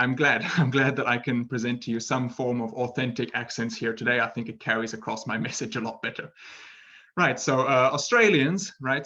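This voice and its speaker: Recorded on a computer mic for an online webinar, with the highs cut off, a man teaches a casual English lesson in a medium-pitched, pushed, bright voice. He talks playfully, laughs at himself and keeps ending sentences with "right?".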